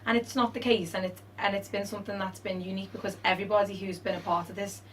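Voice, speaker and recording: A woman's voice: mid-range voice, level tone, fast, a bit bright, slight background noise, rough recording. A woman in the cast speaking earnestly and heartfelt in a casual interview.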